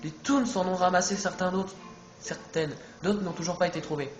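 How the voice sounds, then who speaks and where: Brief: gremlin repairman, a man reading the part, brisk and high. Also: steady tone, natural voice. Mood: eager. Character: gremlin mechanic with a wrench. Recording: echoey room, music behind.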